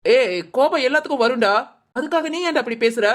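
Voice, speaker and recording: A woman's voice: sits high, expressive, quick pace. A woman voicing a bossy middle-aged village mother-in-law who scolds and threatens the young couple in a cartoon. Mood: scolding. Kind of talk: cartoon voice acting.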